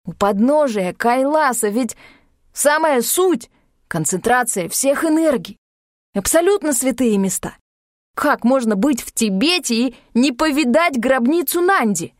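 A woman reading an audiobook, voicing an eager, excitable young man obsessed with mountains. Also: high-pitched, measured pace, dry recording, studio quality, pitched above the performer's own voice. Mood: excited. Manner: eager, pleading and loud. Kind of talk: audiobook character voice.

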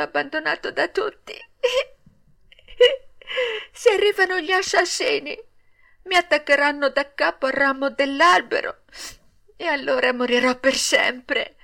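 A woman's voice: mid-range voice, fairly bright tone, natural voice. A woman voicing a wooden puppet boy in an audiobook, wailing and pleading through sobs. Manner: sobbing, wailing pleas. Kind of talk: audiobook character voice.

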